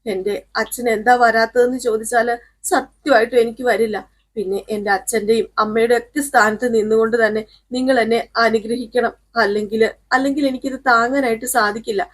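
A woman's voice: fairly high pitch, fairly even intonation, brisk, natural voice. A woman voicing a tearful young bride who pleads in faltering speech.

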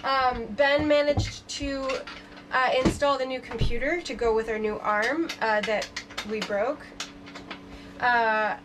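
A sailing vlogger in her thirties talks casually to the camera from inside a boat cabin, upbeat and chatty with fillers. Her voice sits on the high side with a steady tone and slow pace, and there is heavy background noise.

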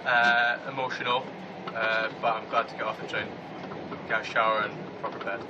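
A man's voice: fairly low pitch, little pitch movement, normal speed, dull audio. A man giving short, hesitant answers in a casual chat in a train compartment. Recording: distant camera mic with train noise.

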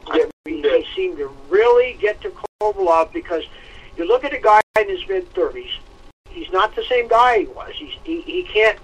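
A man's voice: high-pitched, animated, normal speed, a bit bright, slightly rough, low-quality recording. A man co-hosting a podcast, giving casual boxing analysis in a hesitant, filler-heavy way. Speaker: podcast co-host.

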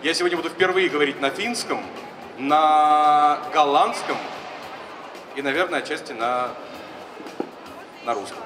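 A man's voice: on the high side, unhurried, pauses often. A middle-aged man hosting a ceremony, making formal stage announcements in short phrases into a handheld microphone. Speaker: ceremony host. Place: large exhibition hall stage. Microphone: handheld microphone through PA. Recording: echoey hall PA from far off, music behind. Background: music.

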